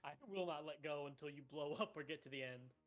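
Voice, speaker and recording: A man at a tabletop game, talking quickly with a somewhat high voice. He needles his friends, jokes constantly and swears freely in loose banter. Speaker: player.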